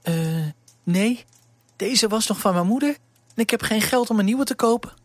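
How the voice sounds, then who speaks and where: A man's voice: high voice, expressive, moderate pace, no echo, voice pushed up. A man voicing a polite, shy twelve-year-old servant girl in a storybook reading, with a raised, earnest voice.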